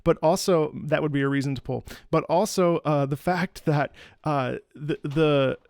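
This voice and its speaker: With the voice of a trained opera singer, fairly high yet gravelly and darkish, this enthusiastic man reacts to video game music on a live stream at normal speed, breaking into sung syllables to mimic rhythms. The dry, clean studio recording has music behind him.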